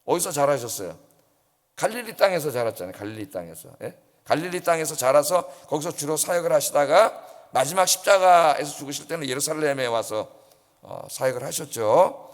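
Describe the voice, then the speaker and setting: A man's voice: a little high, lively intonation, fairly quick. A man preaching an early-morning sermon as pastor, telling the story vividly, acting out quoted voices and asking the congregation questions. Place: church sanctuary. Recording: long church hall reverb.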